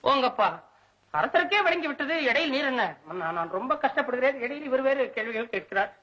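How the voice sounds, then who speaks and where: Comic poor poet, male, whiny and wailing, high and bright, as a man plays him. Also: animated, fast, lo-fi sound, heavily acted. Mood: indignant. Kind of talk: comic film-scene reenactment.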